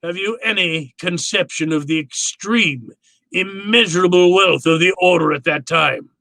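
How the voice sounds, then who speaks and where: A man's voice: sits high, normal speed, gravelly, pushed and bright, dry recording, heavily acted, low-quality recording. A man playing a courtly, genial crime boss in a radio drama, telling his tale in a florid, grandly polite manner. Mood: gleeful, relishing.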